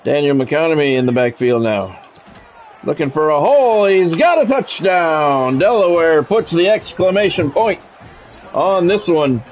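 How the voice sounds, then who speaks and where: Calling a video game football match, the streamer alternates announcer-style commentary with sardonic, grumbling, occasionally profane asides. His voice sits on the high side, lively in intonation and measured in pace, on lo-fi audio with slight background noise.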